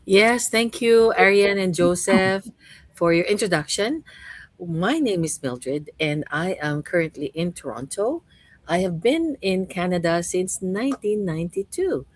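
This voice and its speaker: Low-voiced woman hosting a podcast chat. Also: lively intonation, unhurried, dry recording, low-quality recording. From Philippines. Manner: warm, chatty, with many "you know" and "right?" tags. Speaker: host and coach.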